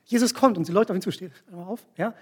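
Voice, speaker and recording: Husky high-voiced man preaching. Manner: explains slowly with frequent tag questions. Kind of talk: sermon with volunteer demonstration.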